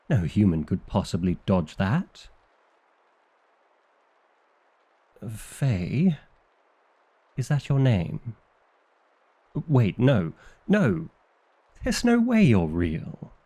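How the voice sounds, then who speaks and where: In an ASMR roleplay, a man with a medium-pitched, dark voice plays a bookish vampire librarian at the end of his patience. He sounds startled and disbelieving, wry and theatrical, full of flustered indignation.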